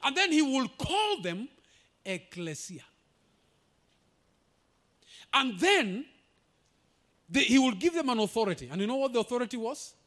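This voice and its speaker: A man preaching a sermon as pastor, emphatic and building to shouts, with asides in Swahili. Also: very high-pitched, very animated, moderate pace.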